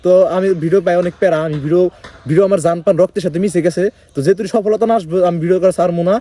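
A man's voice: sits high, fairly even intonation, rapid-fire, no room sound, rough recording. A young man from Bangladesh chatting casually to his viewers as he walks around a city and a campus, joking about himself and calling them guys. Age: young adult. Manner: chatty, self-mocking, addresses viewers as guys. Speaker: vlogger. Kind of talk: casual walking vlog. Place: outdoors on busy city streets and campus. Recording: loud traffic noise behind.

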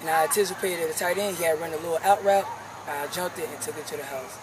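A man's voice: on the high side, fast talker. A teenage boy, a football player explaining plays in a postgame interview outdoors. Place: outdoor football field at night. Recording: distant mic with outdoor noise.

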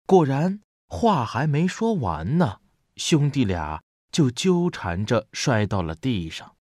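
A man narrating a children's picture book aloud as a voice teacher, in an expressive storytelling manner. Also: mid-range voice, takes it slowly, dry recording, clean studio sound.

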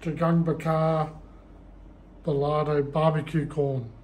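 A man's voice: on the high side, a little slow. A man, chatting casually and chuckling as he talks in a travel vlog. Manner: relaxed, chuckling. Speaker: travel vlogger.

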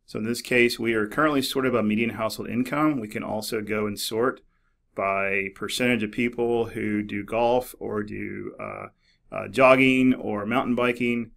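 A middle-aged man narrating a screen-recorded tutorial in a relaxed, explanatory way, with many fillers and restarts. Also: fairly low pitch, moderate pace, vocal fry. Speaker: librarian demonstrating a database. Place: office.

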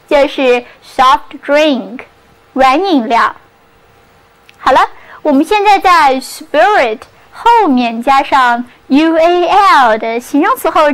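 High-voiced woman teaching English words slowly. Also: low-quality recording. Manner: spells words letter by letter and repeats example sentences slowly. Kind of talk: scripted vocabulary lesson.

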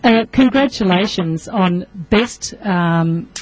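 A woman's voice: medium pitch, slow, darkish tone, low-quality recording. Chatty woman radio host. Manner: chatty, laughs often. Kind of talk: casual radio interview. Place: radio studio. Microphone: studio microphone.

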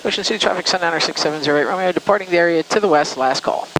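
A man's voice: a little high, racing, a bit bright, slight background noise, rough recording. A man piloting a small plane, making radio calls and remarks over a pilot headset. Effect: pilot headset intercom. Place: small plane cockpit in flight. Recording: aircraft drone behind headset audio.

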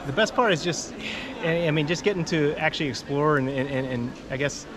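A middle-aged man answering interview questions casually outdoors, quick and stumbling over the first words of a thought. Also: fairly high pitch, a crowd in the background. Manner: quick, repeats words when starting a thought. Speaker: traveling parent interviewee. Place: outdoors at a busy temple site. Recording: outdoor background noise.

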